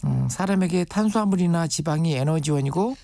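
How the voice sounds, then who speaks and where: A man with a gravelly, mellow voice, explaining soil and crops on a radio interview. He talks patiently and reaches for homely comparisons. The sound is dry and close, with no room echo. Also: on the high side, brisk. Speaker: urban farming guest expert.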